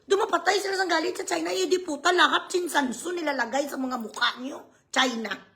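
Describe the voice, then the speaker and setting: Woman, high voice, mocking vlog rant, sarcastic, cursing. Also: fairly quick, sharp tone. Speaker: vlogger. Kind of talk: ranting vlog commentary.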